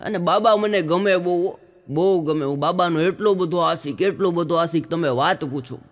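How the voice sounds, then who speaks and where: A man's voice: on the high side, moderate pace, long reverb tail. A man doing stand-up, telling folksy stories and acting out the dialogue. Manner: folksy storytelling, acts out dialogue. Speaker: stand-up comedian. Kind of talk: live stand-up storytelling.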